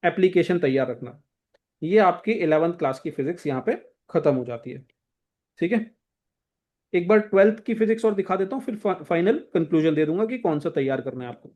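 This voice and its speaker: Over a lo-fi recording, a young man coaches exam students in a brisk, animated, high voice. He walks them through the textbook chapter by chapter, casual yet directive, checking in again and again with "thik hai."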